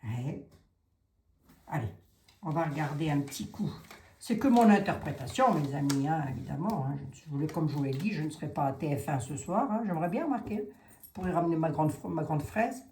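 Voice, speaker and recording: A woman's voice: sits low, animated, fairly quick, warm tone, roomy sound. A middle-aged woman giving a casual tarot reading, chatty and frank, with mocking asides. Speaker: tarot reader.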